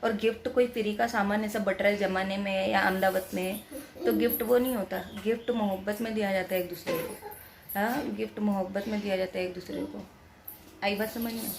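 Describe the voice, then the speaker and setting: A woman's voice: medium pitch, steady tone, fairly quick, vocal fry, slight background noise. A young woman vlogging from home, chatty and emphatic, repeating her points. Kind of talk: casual to-camera vlog talk.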